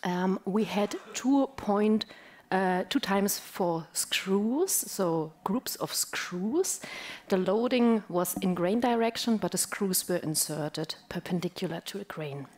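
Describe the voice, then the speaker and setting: A woman presents at a conference in a slow, unhurried way. She keeps breaking into little laughs as she quizzes the audience on engineering answers, with a voice of middle pitch. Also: animated, darkish tone. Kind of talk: conference talk with audience quiz.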